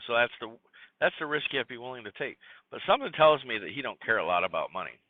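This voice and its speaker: A man's voice: mid-range voice, very animated, fast, dry recording. A man hosting a casual solo podcast, rambling and scattered with many fillers and restarts. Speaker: podcast host. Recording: tinny phone-like dry recording.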